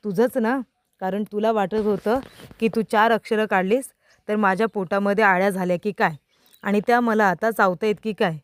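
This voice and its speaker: A woman's voice: mid-range voice, fairly even intonation, normal speed, dry recording, natural voice. A woman voicing a young husband who teases his wife and then patiently explains, asking rhetorical questions. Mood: teasing. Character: young man, teacher, teasing then earnest.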